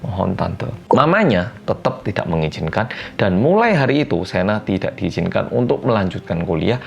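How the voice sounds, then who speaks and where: A man, casually retelling a story in a chatty, animated way. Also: fairly low pitch, normal speed, vocal fry, a little hiss or hum.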